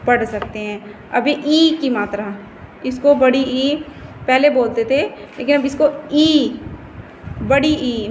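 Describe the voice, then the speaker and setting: A woman teacher patiently explaining Hindi vowel signs, repeating and stretching each word. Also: high voice. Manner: patient, repeats and stretches words, points at the board. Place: classroom. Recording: echoey room with faint noise.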